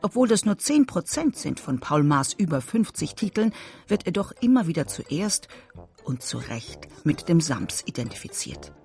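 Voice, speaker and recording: A narrator reading a scripted radio feature in a measured, even way. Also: mid-range voice, gravelly.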